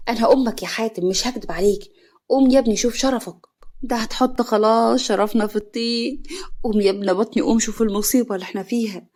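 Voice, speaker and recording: A woman's voice: a little high, fast talker, a little mellow, lightly acted. A woman voicing a meddling, scheming mother-in-law with an Egyptian accent, wailing and melodramatic. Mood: urgent.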